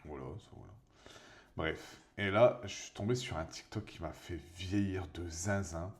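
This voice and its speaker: This podcast co-host, a man in his thirties, has a low-sitting voice and talks at a normal speed. He paints as he chats, telling animated, jokey stories in a lively, casual way.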